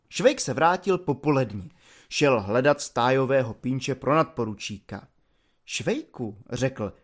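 Expressive man reading a novel aloud. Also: medium pitch. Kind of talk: audiobook narration.

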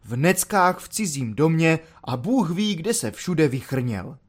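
A man voicing a placid, good-natured soldier who rambles along calmly and easily, in a storybook reading. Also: on the high side. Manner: calm, rambling, slow and easygoing.

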